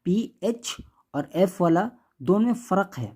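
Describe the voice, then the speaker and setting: A man teaching how to read the Quran, saying each letter sound slowly and more than once, contrasting thin and heavy sounds, and checking in often. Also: high voice, animated, a little mellow, a little hiss or hum. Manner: patient, repeats each sound, keeps asking "okay?".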